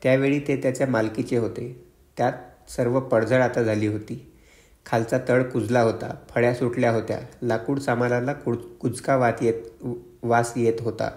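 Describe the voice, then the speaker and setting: Man, audiobook narration, steady reading, flat delivery, roomy echo. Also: mid-range voice. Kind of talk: scripted narration.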